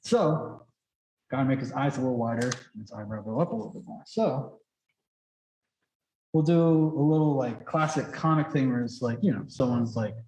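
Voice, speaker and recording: A man's voice: medium pitch, normal speed, darkish tone, slight background noise. A man speaking through a face mask, casually thinking aloud as he teaches drawing in a rambling, chatty way. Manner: rambling, chatty, frequent "like" filler. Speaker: drawing instructor. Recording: echoey, roomy sound.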